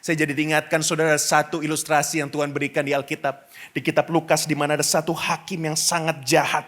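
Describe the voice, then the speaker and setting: Male pastor, middle-aged, high-pitched, lively sermon with frequent asides to the congregation. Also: quick pace. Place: church stage before a congregation.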